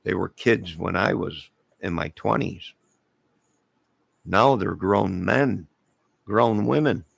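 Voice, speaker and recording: There's no echo on this middle-aged livestream host, whose very low, deeply gravelly voice has gone hoarse from singing. Drawling slowly, he rambles loosely through a late-night casual live chat, welcoming his viewers one at a time.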